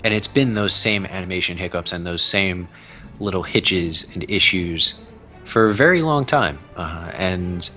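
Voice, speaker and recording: A man's voice: low-pitched, lively intonation, measured pace, sharp tone, soft background music. A man on a gaming podcast, talking casually and hesitantly with many restarts.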